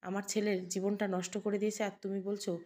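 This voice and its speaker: A woman's voice: mid-range voice, little pitch movement, quick pace, mellow, natural voice. Woman voicing a bitter scheming aunt. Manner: whining, resentful, complaining. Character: bitter scheming aunt, jealous for her son.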